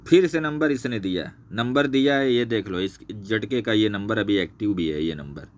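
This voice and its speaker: This angry screen-share rant comes from a channel host going after a former associate. His voice sits on the low side and moves at a moderate pace, and he swears constantly, circling back to the same points while showing things on screen.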